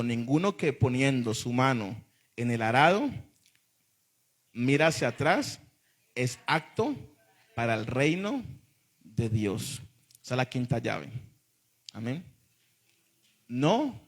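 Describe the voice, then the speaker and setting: A man's voice: mid-range voice, very animated, takes it slowly, long pauses. A man, a pastor preaching a sermon to a congregation in church, emphatic and often calling out to the listeners.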